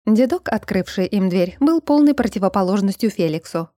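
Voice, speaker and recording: A woman reading a story aloud in an even, measured narration. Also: medium pitch, dry recording, clean studio sound. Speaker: audiobook narrator. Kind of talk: scripted narration.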